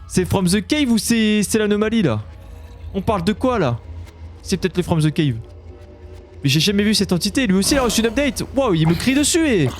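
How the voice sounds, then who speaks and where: A man giving loud, jumpy commentary while playing a horror Minecraft mod, yelping when startled and swearing at the monsters. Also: high voice. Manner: talks to the game monsters. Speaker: gaming YouTuber. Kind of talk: live Minecraft let's-play commentary.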